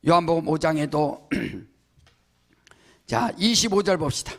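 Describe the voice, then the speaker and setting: A middle-aged man preaches with fervent emphasis, his voice pitched high for a man and roughened by a gravelly fry. He drives his lines upward into near-shouts and keeps pressing the congregation with quick questioning asides. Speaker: pastor. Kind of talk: sermon.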